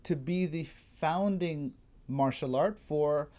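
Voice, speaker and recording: A man's voice: a little high, slow pace, mellow. A man hosting a casual chat, explaining things at length, laughing often and trailing off mid-sentence. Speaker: fitness trainer and host.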